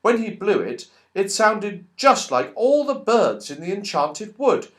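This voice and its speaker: Narrating a children's audiobook, this man's voice sits high and moves unhurriedly, playful and expressive as he exclaims at the story's events.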